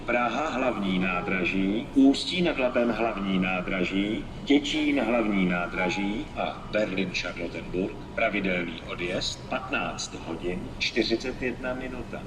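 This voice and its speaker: A man reading formal railway station announcements in measured, segmented scripted phrases. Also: lowish voice. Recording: noisy, distant station public-address recording. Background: station ambience noise.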